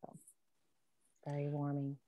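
Chatty young woman, low voice. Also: completely flat delivery, unhurried, dry recording, lo-fi sound. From United States. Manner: chatty, hesitant, laughs often. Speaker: podcast guest. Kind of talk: casual podcast conversation.

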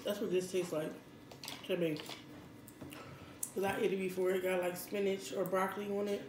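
A woman's voice: on the low side, level tone, normal speed. American woman, casual mukbang chat, talking between bites of chips, roomy echo, faint noise. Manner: talking between mouthfuls while eating chips and dip. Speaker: mukbang host. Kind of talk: casual chat while eating. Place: indoor room at a table. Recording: echoey room with background noise.

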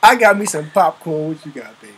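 A man's voice: a little high, lively intonation, brisk, a bit bright, a little hiss or hum, poor audio. A man co-hosting a couples reaction video, playful and teasing, laughing easily. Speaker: co-host of a reaction channel. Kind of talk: casual chat.

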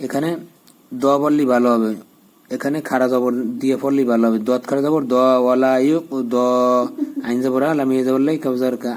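Spelling out an Arabic prayer one letter at a time before stretching each connected phrase into a slow chant, this Quran recitation teacher works patiently and methodically. He speaks at a medium pitch in a mellow, dark voice with little variation in intonation.

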